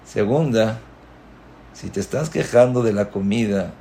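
Slow, gravelly man teaching a religious class. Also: on the low side, mellow, slight background noise. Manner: rhetorical questions, emphatic repetition. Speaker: Torah teacher.

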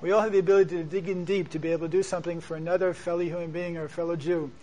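A man's voice: fairly high pitch, level tone, racing, warm tone. A man hosting a religious interview show, speaking earnestly in short, exhortatory phrases to his guest and audience. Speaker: show host, rabbi. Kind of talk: interviewing and addressing viewers.

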